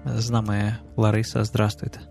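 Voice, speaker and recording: A man hosting a morning radio call-in show, speaking in a measured, formal way as he sums up the callers. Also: lowish voice, monotone, vocal fry, a little mellow, faint music behind. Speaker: radio host.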